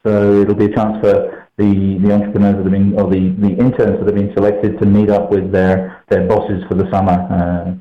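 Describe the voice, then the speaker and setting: Low-voiced male tech guest on a warbly robotic headset call, echoey and muffled, easygoing. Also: flat delivery, moderate pace, few pauses. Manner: easygoing, explains in a meandering way. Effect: warbly, robotic-sounding call over a poor line, like a headset link. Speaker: regular tech contributor calling in. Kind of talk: casual radio phone interview. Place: co-working space. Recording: echoey, dull lo-fi call line.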